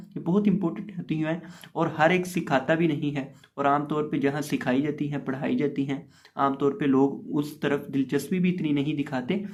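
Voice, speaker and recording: A man with an Urdu-speaking Pakistani accent and a slightly high voice teaches basic Quran reading. He spells out and joins letters in slow, drawn-out syllables. Between them he explains the tajweed rules in a calm, steady way. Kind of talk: spelling-out recitation lesson.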